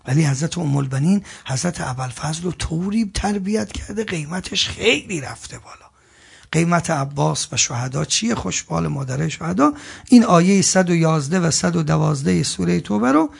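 A man preaching a sermon, swelling from quiet asides to loud emphatic peaks, chanting scripture slowly and joking with the audience. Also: on the high side, gravelly, husky. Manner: jokes with the audience between points.

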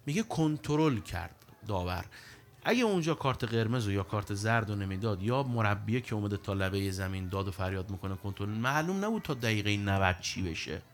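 A middle-aged man preaching a sermon in an animated, emphatic way, reciting scripture passages between his own explanations. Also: fairly low pitch.

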